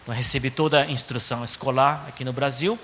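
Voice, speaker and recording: A man's voice: medium pitch, steady tone, quick pace, a bit bright, in a large hall, slight background noise. A man from Japan with a Japanese accent preaching a sermon in a conversational way, often adding little tag questions. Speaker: pastor. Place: church sanctuary.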